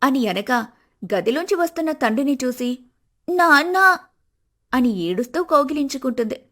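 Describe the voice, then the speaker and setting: A woman tells an animated family story in steady, scripted narration. Her voice sits fairly high. She explains each turn of events evenly. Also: a little fast.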